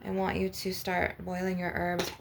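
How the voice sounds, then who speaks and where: A woman healer with a lowish, gravelly, monotone voice talks at a normal speed to her viewers in a spiritual ASMR session, with background noise present. Though her delivery is flat in tone, her words are emphatic and casual, laced with filler like "you know" and some swearing.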